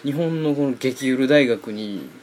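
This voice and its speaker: A man's voice: medium pitch, unhurried, a little hiss or hum. A young man in his twenties with a Kansai accent, co-hosting a casual podcast chat and telling stories with lots of mimicry. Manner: animated storytelling, mimics voices, laughs often. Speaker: podcast co-host.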